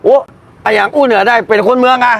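High, creaky-voiced Northern Thai man. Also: steady tone, racing, fairly bright tone. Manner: exclamatory, echoes what he hears. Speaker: vlog host. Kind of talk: casual chat.

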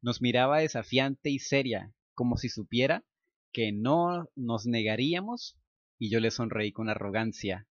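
A man narrating a first-person romance story, his inner monologue breaking into frantic, high outbursts. The recording is muffled and lo-fi, with no room echo. His everyday pitch sits in the middle. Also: expressive, measured pace. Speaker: story reader. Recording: dull, dry lo-fi recording.

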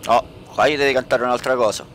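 A man playing a game with friends, making quick callouts and crude jokes. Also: mid-range voice, a bit bright, a little hiss or hum. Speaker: gaming friend. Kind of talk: casual gaming chat. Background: keyboard clicks.

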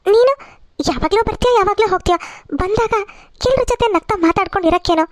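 Cartoon matriarch, lecturing and caring, voiced by a woman, very high, dry. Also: fast, no echo. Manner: lecturing, advising. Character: mother, firm but caring matriarch. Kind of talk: cartoon serial voice acting.

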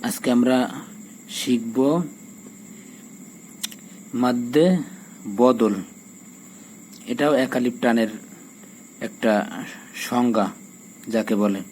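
Man teaching quran reading, flat even voice, spells letters then chants words long and slow, faint crickets behind. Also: medium pitch, slight background noise, rough recording. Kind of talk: Quran recitation lesson.

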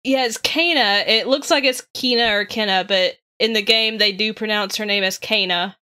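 A woman's voice: medium pitch, a little fast, sharp tone. A woman co-hosting a gaming podcast, chatting casually with enthusiasm and giggles. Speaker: podcast co-host.

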